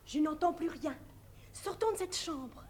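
A timid, sensitive young woman in a 1950s operetta broadcast. Her voice is very high, soft and tremulous. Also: unhurried. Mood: hushed. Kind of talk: 1950s radio operetta acting.

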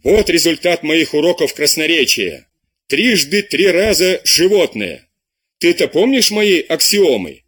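A man voicing an angry older abbé who scolds his lazy pupil in loud, indignant tirades, with a husky voice. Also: fairly high pitch, very animated, measured pace, voice pushed up, exaggerated voice. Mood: scornful. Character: furious older male abbé tutor, scolding.

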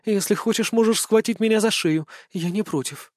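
A man's voice: sits high, normal speed, a little mellow, dry recording, clean studio sound, voice pushed up, natural voice. A man reading an audiobook, voicing a bold, pushy young woman who leads a fencing club, in a raised voice. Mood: flustered.

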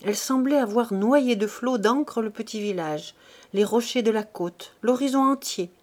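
A woman reading a classic novel aloud as an audiobook, measured and expressive. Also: a little high. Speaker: audiobook reader.

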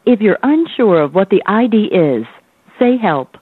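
A woman speaks a recorded phone message, reading menu prompts in a polite, scripted way. Her voice has a slight huskiness and moves up and down in pitch. It comes through a thin, tinny phone line with no room sound. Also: sing-song, a little slow, slightly rough, no room sound.

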